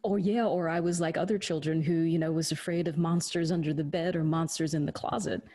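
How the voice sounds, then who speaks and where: Low husky woman from trinidad, earnest slow reflective talk about her life. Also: steady tone, warm tone, no room sound. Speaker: author guest. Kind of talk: interview conversation. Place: studio against plain grey backdrop.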